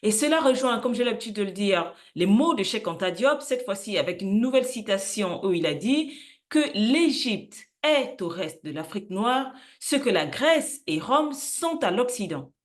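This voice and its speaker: A woman with a mid-range voice gives an educational explainer. She reads lists of words slowly and carefully. She hesitates often and sounds unsure of some pronunciations. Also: mid-range voice, big pitch swings. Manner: unsure of pronunciation in languages she does not speak. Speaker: channel host presenting word roots.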